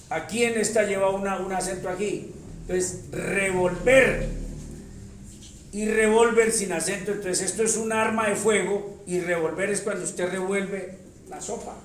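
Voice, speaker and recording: A man with a slightly high voice teaches a Bible seminar like a chat, checking in with rhetorical questions and calling his listeners by pet names. He sounds distant from the mic, in a hall with heavy echo and a faint hiss. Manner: affectionate toward listeners. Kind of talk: classroom-style Bible teaching. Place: church hall. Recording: very echoey hall, voice from far off.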